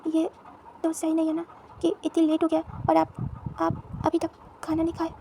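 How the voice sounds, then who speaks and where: A woman's voice: extremely high pitch, monotone, normal speed, gravelly, warm tone, a little hiss or hum. A woman voicing a shy, caring young man who talks earnestly and stammers when nervous.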